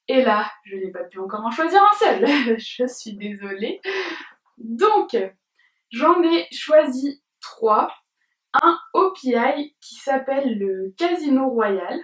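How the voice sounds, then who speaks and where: A young woman chatting casually in a beauty tag video, hesitant with many fillers and giggles, filmed at home by a camera at some distance. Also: a little high. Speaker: beauty vlogger. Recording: roomy sound from a distance.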